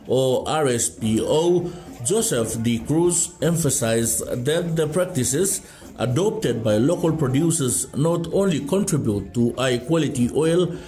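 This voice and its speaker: A male reporter reading a scripted news report in a measured, formal way. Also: medium pitch, animated, warm tone, rough recording.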